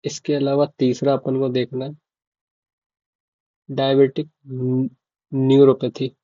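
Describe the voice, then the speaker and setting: A man's voice: mid-range voice, completely flat delivery, unhurried, warm tone, no echo. Young man, casual medical tutor, dull dry lo-fi recording. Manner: casual, asks "ok?" and repeats key terms to check understanding. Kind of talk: informal lecture explaining to students.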